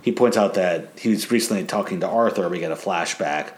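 A man with a very deep voice co-hosting a casual podcast. He retells sitcom scenes and chuckles often as he goes. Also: fairly quick. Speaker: podcast co-host. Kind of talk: casual TV episode recap chat.

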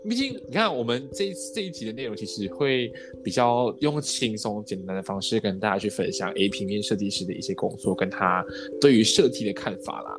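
A man's voice: fairly low pitch, lively intonation, a little fast. A man with a Malaysian Mandarin accent hosting a casual podcast interview, chatty and dropping English words into his Mandarin. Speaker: podcast host. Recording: background music under the talk.

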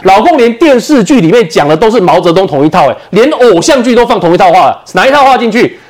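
A man's voice: sits high, very animated. A man with a Taiwanese Mandarin accent arguing as a political commentator on a talk show, firing off rhetorical questions. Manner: fast, emphatic, rhetorical questions.

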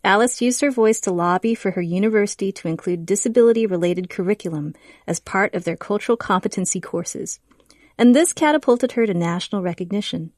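A woman reading scripted narration in the measured manner of a public radio host. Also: medium pitch, darkish tone, no room sound, studio quality.

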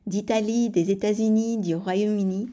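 A woman presenting a scripted French-language podcast lesson, explaining clearly and spelling out examples letter by letter. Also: medium pitch, fairly even intonation, normal speed, dark tone.

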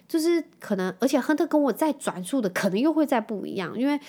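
Fast-talking Taiwanese Mandarin woman. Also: high voice, lively intonation, warm tone. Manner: chatty, drops English words into speech. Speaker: podcast host. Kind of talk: casual storytelling chat.

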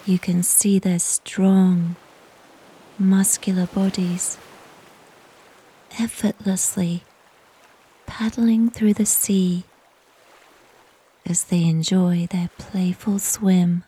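Very slow, breathy whispering woman. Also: lowish voice, fairly even intonation, dark tone. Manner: unhurried, soothing, with long pauses between short phrases. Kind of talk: whispered relaxation story narration, slow guided-imagery nature storytelling.

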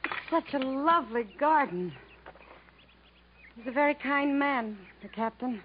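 A woman acts in a 1950s radio drama, playing a subdued, wistful, resigned character who talks in a dreamy, restrained way. Her voice sits high, animated and a little slow, and the broadcast sound is muffled and noisy.

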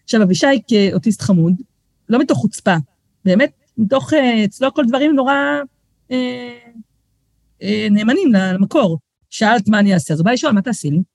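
A middle-aged woman speaks, spinning anecdotes in a relaxed podcast conversation. She jumps in pitch as she acts out the voices in her stories and restarts sentences often. The sound is close and dry. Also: no room sound. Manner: lively storyteller, acts out quoted voices, frequent restarts. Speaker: guest author.

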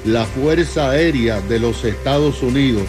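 A man co-hosting on radio, explaining a news item to his partner in a measured way. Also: medium pitch. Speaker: radio co-host. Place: radio studio. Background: music bed.

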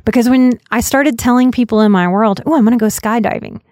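A woman's voice: on the high side, a little mellow, dry recording. Earnest woman podcast host, dry sound. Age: 30s. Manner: earnest, slows down for emphasis. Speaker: podcast host and life coach. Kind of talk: reflective personal storytelling.

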